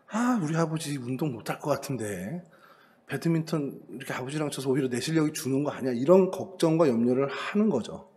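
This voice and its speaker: Speaking at medium pitch with a slightly mellow voice, a middle-aged man preaches as a pastor. He tells stories conversationally, voices the lines he quotes, and makes scripture and family life feel near to the audience.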